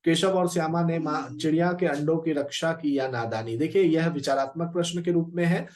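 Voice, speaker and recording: A man's voice: a little high, brisk, darkish tone. A male teacher explaining a story for a class, with frequent fillers and tag questions. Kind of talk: Hindi lesson explaining a story.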